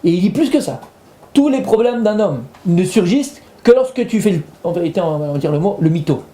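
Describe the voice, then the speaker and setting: A man's voice: high voice, animated, a little fast, mellow, roomy sound. A man, a rabbi, giving a Torah lesson, explaining patiently and repeating his points while weaving in Hebrew terms.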